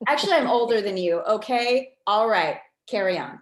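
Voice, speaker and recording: A woman's voice: mid-range voice, animated, normal speed. A woman in her forties hosting an interview over a video call, chatty and upbeat. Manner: chatty and upbeat, laughs often. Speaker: host, professor. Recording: roomy video call audio.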